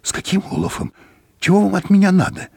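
Male reader voicing a sullen, scared teen; raised, husky, swinging voice. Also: high voice, flat delivery, fast, mellow, no echo, studio quality, pitched above the performer's own voice. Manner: sullen, rude, then tearful.

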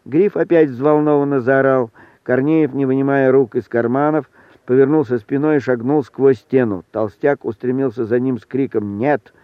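A man reads a story aloud in an even, wry manner. His voice is mid-pitched. The sound is thin and phone-like, dry and close. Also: moderate pace, clear, resonant tone, dry recording. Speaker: audiobook reader. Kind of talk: storytelling narration.

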